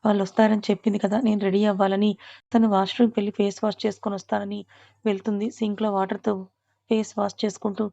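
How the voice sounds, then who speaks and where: A woman reading a serialized family story aloud in a steady, even way. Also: mid-range voice, fast, vocal fry, no echo. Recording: dull lo-fi sound.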